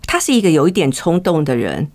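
A woman's voice: low-pitched, very animated, fairly quick, darkish tone. A woman talks in a candid, storytelling way. She is a middle-aged counselor appearing as a guest in a conversational interview. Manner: candid, storytelling, acts out quoted dialogue.

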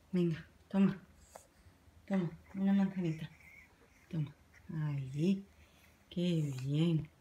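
A young woman filming a home family vlog, coaxing and cooing to her baby son between asides to the camera. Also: lowish voice. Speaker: mother and family vlogger.

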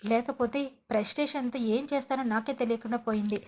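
A woman's voice: fairly high pitch, steady tone, a little fast, a little mellow, lightly acted. A woman narrator reading the lines of a bold, boastful young woman in a soap recap. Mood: relieved. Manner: boastful, scolding.

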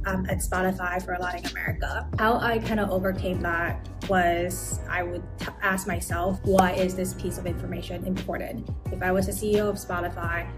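A woman in her twenties from Taiwan, talking casually through her work day in a vlog, with a relaxed manner and frequent "like". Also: lowish voice. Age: 20s. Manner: relaxed, uses "like" often. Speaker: business analyst vlogger. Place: apartment home office, indoors. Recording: background music under voice.

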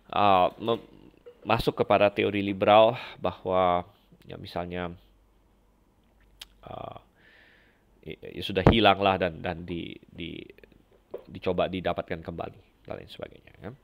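A man teaches a Bible lesson in a fairly low voice, reading verses and then explaining them with pauses, fillers and restarts. The recording is dull and lo-fi. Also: creaky. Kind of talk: lecture comparing Bible passages.

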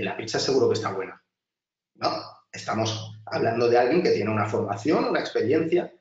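A design instructor gives a webinar lecture over slides, speaking to the class directly in a chatty way with many restarts and filler. His voice is at an everyday middle pitch, captured from a distance in a roomy space, and the audio is dull and muffled.

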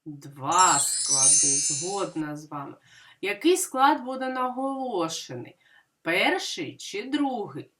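Preschool teacher lady, talks super slow n clear, voice goes up and down a lot, keeps asking the kids questions. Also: fairly low pitch, sing-song, background noise. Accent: Ukrainian. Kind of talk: literacy lesson for small children.

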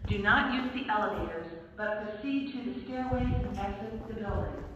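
A woman's prerecorded evacuation message playing over a building PA loudspeaker, calm, measured and formal. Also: on the high side, muffled recording. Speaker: recorded emergency announcer. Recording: echoey hall, far-off loudspeaker, loud alarm noise.

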